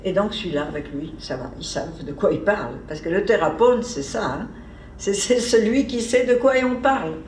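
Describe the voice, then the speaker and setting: Giving an informal academic talk in a seminar room, this woman has a medium-pitched, expressive voice with a darkish tone and normal speed. She digresses conversationally as if reasoning aloud; the room echoes, the mic is far away, and slight background noise is present.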